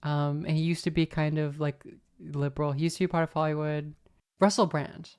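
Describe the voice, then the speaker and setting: A woman's voice: deep voice, level tone, fairly quick, a little mellow, clear, resonant tone. A woman podcast host telling rambling, wry stories in casual chat, full of fillers and restarts. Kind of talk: casual anecdotal storytelling.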